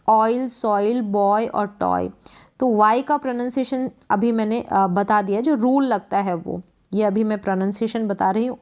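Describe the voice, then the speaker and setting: A woman teaching English pronunciation, explaining spelling rules step by step and repeating example words slowly and patiently. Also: on the high side, darkish tone. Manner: patient and repetitive, restating each rule. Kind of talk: explaining phonics rules, reading letter pairs and example words aloud.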